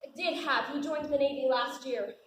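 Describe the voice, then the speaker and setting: A woman playing a young dancer who answers with deadpan teasing, recorded on a school stage. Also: sits high, fairly quick. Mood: wry. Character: young female dancer, dry and wry. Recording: echoey stage from far off, faint noise.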